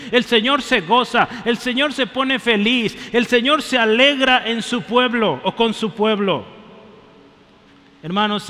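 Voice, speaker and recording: High bright-voiced preacher in a reverberant church. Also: male voice. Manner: energetic, calls out to the congregation. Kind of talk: sermon.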